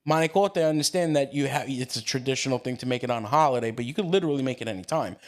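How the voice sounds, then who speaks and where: Rapid-fire and mid-range, this American man of Italian descent co-hosts a laid-back podcast conversation. He argues, curses casually, and often breaks into laughter.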